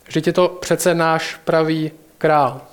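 A man's voice: on the high side, fairly even intonation, clear, resonant tone, lightly acted. A man reading aloud as an earnest, proud talking male beaver from a storybook.

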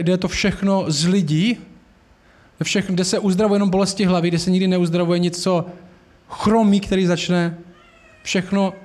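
A man's voice: sits high, a little mellow. A man preaching a sermon in an earnest, conversational way, asking the congregation rhetorical questions.

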